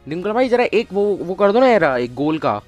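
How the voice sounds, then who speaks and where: Man, live game stream, higher voice, chatty, shouts at teammates, game music behind. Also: normal speed. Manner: chatty, calls out to viewers and teammates, bursts of excited shouting. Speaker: gaming streamer. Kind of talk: casual live game commentary.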